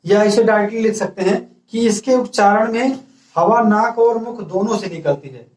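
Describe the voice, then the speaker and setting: A man teaching a grammar lesson who keeps checking in with his class, asks questions he answers himself, and dictates slowly for note-taking. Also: sits high, darkish tone. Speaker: school teacher. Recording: echoey room, voice from far off the mic.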